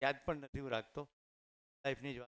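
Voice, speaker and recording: A middle-aged man speaks with a clear, resonant voice and a Gujarati accent. He tells anecdotes conversationally to teachers in a training hall, speaking into a microphone. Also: medium pitch, steady tone, normal speed, fairly bright tone. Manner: conversational, anecdotal, addresses audience directly. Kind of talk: storytelling talk to teachers. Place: training hall with live audience.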